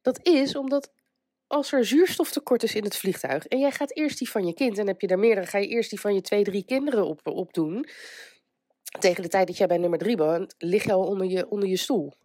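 A woman's voice: mid-range voice, brisk, dark tone, dry recording, clean studio sound. A woman hosting a casual motivational podcast, chatty and hesitant. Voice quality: congested voice from a cold. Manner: chatty, hesitant, breaks into small laughs. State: getting over illness, stuffed up with a cold. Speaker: podcast host.

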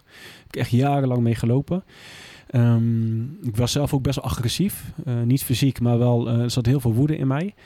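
Blunt guy talking straight, swears a lot, warm mellow tone. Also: mid-range voice, dry recording. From Groningen. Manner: blunt and plain-spoken, with frequent swearing. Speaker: guest, former police officer. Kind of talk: candid interview talk.

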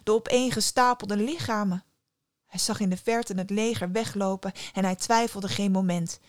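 A woman narrating a folk tale in a hushed, dramatic storytelling manner. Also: medium pitch, steady tone, normal speed, dry recording, clean studio sound.

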